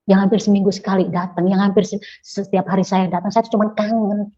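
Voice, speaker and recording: A woman gives an earnest personal testimony, halting and repeating her phrases as she pleads her case. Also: mid-range voice, little pitch movement, mellow. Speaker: convert giving a personal testimony. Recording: muffled lo-fi recording.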